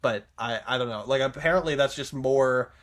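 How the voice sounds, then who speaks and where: Chatty guy cohost, mid pitch, rambles on with lots of likes and ums. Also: normal speed. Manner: chatty, rambling with fillers and tangents. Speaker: podcast co-host. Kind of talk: casual chat reviewing songs.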